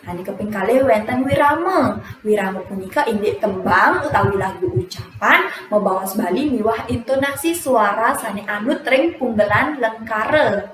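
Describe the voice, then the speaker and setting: A young woman teaches a formal lesson, her delivery measured and dotted with filler pauses. She sits back from the microphone, so the room answers her with a noticeable echo. A faint hiss runs underneath. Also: on the high side, animated. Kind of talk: teaching a lesson on Balinese speech. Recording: echoey room, voice from some distance, faint noise.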